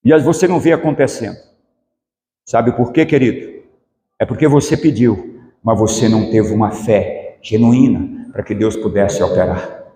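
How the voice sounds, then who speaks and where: A man's voice: lowish voice, moderate pace, warm tone. A man preaching a sermon as pastor, asking the congregation rhetorical questions. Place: church. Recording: echoey church hall with long reverb.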